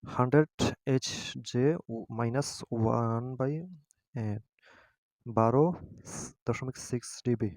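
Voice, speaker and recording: A man leads a relaxed, step-by-step app walkthrough in a slightly mellow, medium-pitched voice with fairly even intonation, recorded dry. His delivery is halting and unsure, and he keeps asking whether viewers are following along.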